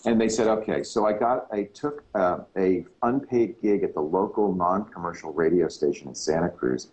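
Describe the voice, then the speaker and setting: A middle-aged man and radio broadcaster in casual chat, telling stories in a relaxed way. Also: moderate pace, low-quality recording. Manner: relaxed storyteller, slips into deep announcer voice.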